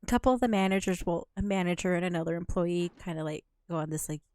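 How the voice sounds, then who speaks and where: A woman's voice: lowish voice, fast talker, a little mellow, clear, resonant tone. A woman streaming a game from home, rambling casually and laughing often between thoughts. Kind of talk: casual gameplay commentary. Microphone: desk microphone with headphones.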